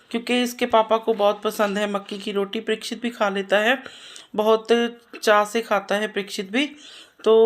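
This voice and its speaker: A woman in her thirties, a mother narrating her household chores in a homely, chatty voice-over, repeating herself often. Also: medium pitch. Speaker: vlogger and mother.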